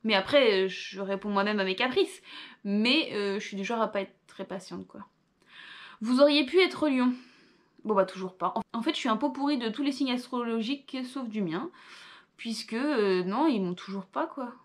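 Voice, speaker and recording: A woman's voice: on the high side, moderate pace. A young woman, reading quiz questions aloud and answering with offhand asides in a casual vlog. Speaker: vlogger.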